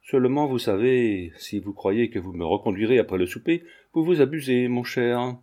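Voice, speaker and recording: A man's voice: medium pitch, lively intonation, moderate pace, mellow, close to an everyday voice. A man reading a streetwise, saucy young woman fortune-teller in an audiobook, in a slightly raised voice.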